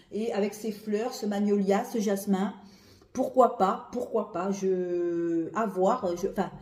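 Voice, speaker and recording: A woman's voice: mid-range voice, warm tone. A woman giving a casual, rambling review as she thinks aloud, often repeating herself and breaking off mid-phrase. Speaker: perfume reviewer. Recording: roomy, echoey sound.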